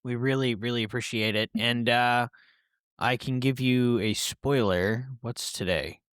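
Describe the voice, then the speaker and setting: A man co-hosting a casual podcast, rambling through jokes and playful mock-formal asides. His pitch sits mid-range for a man, and the close mic gives a dry, dead sound. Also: steady tone, unhurried, a bit bright, clear, resonant tone, dry recording. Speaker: podcast co-host.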